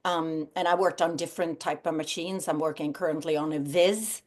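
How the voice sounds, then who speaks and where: A middle-aged woman from Sweden chats casually as a podcast guest. Her voice sits on the low side for a woman, and she is friendly, laughs often and fills pauses with "um" and "uh". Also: fairly even intonation, darkish tone. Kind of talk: casual chat.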